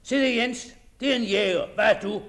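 A man's voice: sits high, a bit bright, pitched above the performer's own voice. A man voicing a young hunting servant who teases and scorns a clumsy beginner, in a dramatic reading. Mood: mocking. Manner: teasing, scornful.

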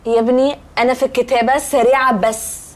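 An actress in a comedy series playing a rich, spoiled, slow-witted young woman with an Egyptian accent who fusses and mixes in English words. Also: high voice, steady tone, close to an everyday voice. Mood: naive, fussy. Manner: fussy, mixes English words, spells letter by letter. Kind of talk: sitcom acting.

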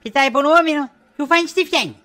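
A woman's voice: sits high, sharp tone. A woman playing a nosy middle-aged wife in a comedy sketch, pushy and prying for gossip.

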